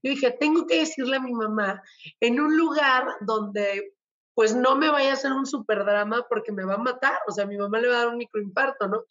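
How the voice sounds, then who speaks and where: A Mexican woman hosts a casual talk segment, chatting in a playful, gossipy way. She acts out little quotes as she tells her stories. Her voice sits fairly high, and the recording sounds a bit dull and lo-fi. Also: moderate pace, fairly bright tone. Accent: Mexican Spanish. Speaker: show host.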